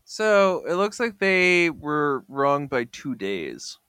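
A man's voice: on the high side, big pitch swings, slow pace, sharp tone, clear, resonant tone, no echo. A man co-hosting a casual comic book club podcast, joking and enthusiastic about the panels. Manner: joking, enthusiastic, looks facts up mid-chat. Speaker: podcast co-host.

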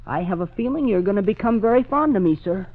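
A plucky, self-assured teenage office boy from a 1940s radio play. His voice is high, chirpy and earnest, with lively swings. The vintage recording sounds dull. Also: fast. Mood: confident.

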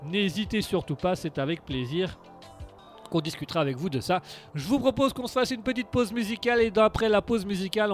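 A man hosting live radio, chatting through the news in a rambling, sarcastic way, full of fillers and restarts. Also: high-pitched. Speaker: radio host.

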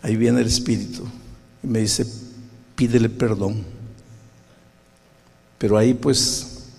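A Peruvian pastor preaches as a vivid storyteller, moving between loud and hushed passages. His voice is gravelly and husky. Long reverb trails behind him in the church. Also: medium pitch, flat delivery, moderate pace. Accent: Peruvian Spanish. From Peru. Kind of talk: sermon with storytelling.

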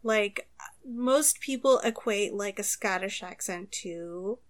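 A woman's voice: medium pitch, takes it slowly. Chatty woman gm, rambles with tons of likes and ums, laughs a lot. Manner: rambling, laughs often, lots of fillers. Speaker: game master. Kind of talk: casual podcast chat about tabletop games.

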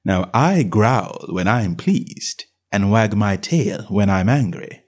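A sly, grinning storybook cat, voiced by a man, calm and mysterious. He stretches his words out slowly and teasingly, his pitch wandering up and down with a lively lilt. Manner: slow, teasing, drawn-out delivery.

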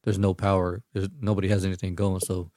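A man with a fairly low voice chats loosely among friends. He rambles and restarts, swearing as he goes. The recording is dry and close. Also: little pitch movement, quick pace, mellow, dry recording. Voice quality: profane, rambling. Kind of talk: casual chat.

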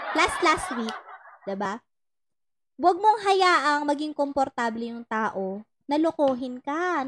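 In a recording with no room sound, a young Filipino podcast host speaks in a high voice as she hands out love advice in a casual talk. She teases, laughs a lot and slips English into her speech.

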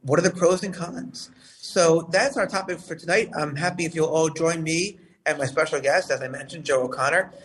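A man hosting a live talk show, heard over a phone, speaking in a formal, measured way with some fillers. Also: on the high side, a bit bright, distant mic, a little hiss or hum, rough recording.

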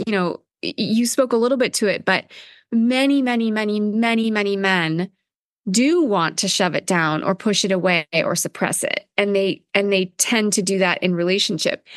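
A woman co-hosting a podcast in casual conversational talk, earnest and expressive, often acting out quoted speech. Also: mid-range voice, dry recording, clean studio sound. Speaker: podcast co-host.

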